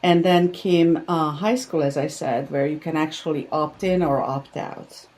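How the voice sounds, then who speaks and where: An older woman with a Hungarian accent, a podcast guest telling her life story in a warm, reflective way. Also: deep voice, measured pace. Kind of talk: podcast interview.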